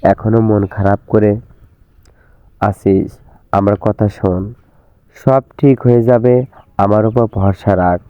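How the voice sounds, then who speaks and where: A man's voice: lowish voice, fairly even intonation, takes it slowly, pauses often, clean tone, dry recording. A man doing a bossy big brother. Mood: reassuring. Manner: scolding, bossy. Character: bossy big brother, young man, stern but caring. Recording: tinny narrow-band recording.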